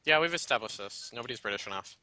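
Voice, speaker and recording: A man casting a live video game match in a casual, rambling way, often laughing and getting excited. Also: mid-range voice, quick pace. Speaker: game caster.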